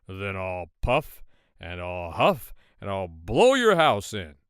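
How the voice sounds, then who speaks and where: A man's voice: deep voice, wildly swooping pitch, clean tone, dry recording, full character voice. Wolf played by a man, storybook, sly, hungry, blustering, dry close sound. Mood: threatening. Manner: loud, drawn-out threats. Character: sly, hungry male wolf, menacing and wheedling.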